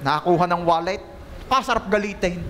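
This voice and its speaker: A man preaching to his church in a loose, conversational sermon. His voice sits high for a man, and he keeps the talk light, teasing and joking with the people in front of him. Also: a little fast, noisy background. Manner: playful, joking, teasing the congregation. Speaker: pastor. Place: church service.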